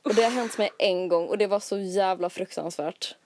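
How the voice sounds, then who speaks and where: A woman's voice: medium pitch, a little mellow, dry recording. A young woman in casual conversation, attentive and chiming in with short responses. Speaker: listener in casual chat. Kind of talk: casual chat.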